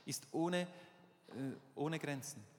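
A man's voice: on the high side, takes it slowly. A man interpreting a sermon line by line, hesitant, with fillers and self-corrections. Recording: live sermon in a reverberant hall.

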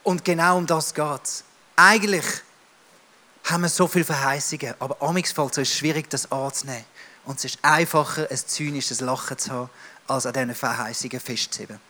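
A man's voice: medium pitch, steady tone, a little fast, bright, forceful tone. A man in his thirties with a Swiss German accent, preaching a sermon emphatically and addressing the listener directly.

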